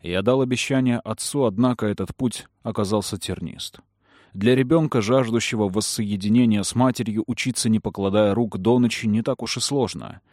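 A man narrating a story in the first person in a calm, even manner. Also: lowish voice, moderate pace, no room sound, studio quality. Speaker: audiobook narrator.

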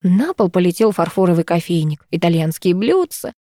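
A woman narrating a novel in the first person, reading in a steady, even way. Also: fairly low pitch, normal speed, no echo, clean studio sound. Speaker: audiobook narrator.

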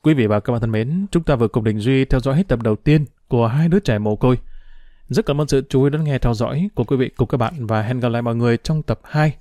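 A man narrating a story as an audiobook reader, in a measured, even delivery. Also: mid-range voice, no room sound, clean studio sound.

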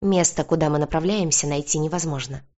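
A woman reading a calm, composed man in an audiobook, with a steady, reassuring manner. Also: low voice, fairly quick, dull audio, lightly acted. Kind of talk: audiobook character voice.

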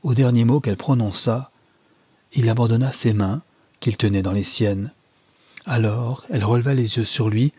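A man reading a classic novel aloud in measured, scripted audiobook narration. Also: medium pitch, dark tone, husky, no room sound.

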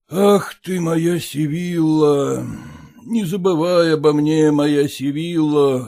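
A weary, sentimental aging gentleman, read by a man speaks in a dark, husky voice. He pleads softly and drags his words out mournfully in this audiobook. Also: on the high side. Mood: tender. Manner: soft, mournful, drawn-out pleading. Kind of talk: audiobook character voice.

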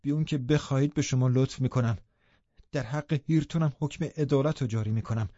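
A man voicing a bitter, vengeful young man in an audiobook, talking loud and threatening. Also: medium pitch, husky, no echo, lightly acted. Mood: raging. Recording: muffled lo-fi recording.

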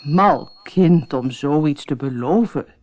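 Stern fairy-tale king, slow and firm; voiced by a woman reader. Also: deep voice, animated, a little mellow, a little hiss or hum. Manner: firm, measured. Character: stern, fatherly old king. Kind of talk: storybook reading.

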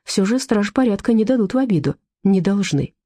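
A woman reads a story aloud with animated, expressive delivery. Her pitch moves a lot, her tone is dark and mellow, and her voice has a slight huskiness. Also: brisk, no room sound, clean studio sound. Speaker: audiobook narrator. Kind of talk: scripted narration.

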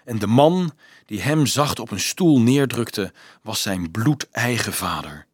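With a slightly husky, mid-pitched voice, a male audiobook narrator reads scripted narration slowly. His delivery is expressive and dramatic, pitch moving up and down considerably with the tension in the story. The close recording has no room echo.

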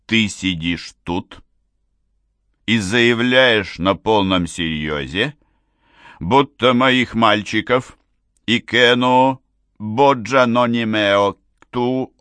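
A man voicing a stern middle-aged father who speaks slowly and heavily and rises into shouts. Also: on the low side, no room sound. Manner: slow, heavy, rising into shouts.

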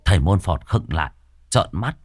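A man narrating a ghost story with dramatic, expressive delivery. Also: low-pitched, moderate pace, husky, no echo.

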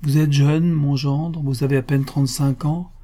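A man's voice: on the high side, fairly even intonation, normal speed, warm tone, pitched above the performer's own voice, lightly acted. A man putting on a meddling old mother-in-law. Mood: insistent. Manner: insistent and pleading. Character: meddling tearful older woman, a mother-in-law.

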